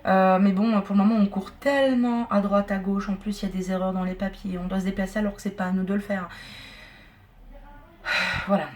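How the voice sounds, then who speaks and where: A woman's voice: medium pitch, fairly even intonation, fairly quick, darkish tone. Chatty woman vlogging at home. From Turkish family. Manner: chatty, rambling, many fillers. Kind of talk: casual vlog chat. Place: home and outdoors, on the move.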